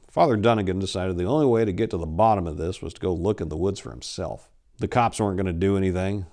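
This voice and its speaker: A man in his forties reads a horror short story aloud in a fairly low voice, with theatrical, expressive delivery like a staged dramatic reading. He's indoors in a book-lined room, recorded on a lapel microphone.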